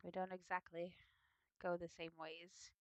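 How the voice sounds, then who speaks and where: A woman's voice: on the low side, flat delivery, a little slow, smooth, no room sound. A young woman with a sniffly nose giving chatty, playful commentary on a video game at home, now and then breaking into bits of song. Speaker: gaming video host. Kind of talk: casual gameplay commentary.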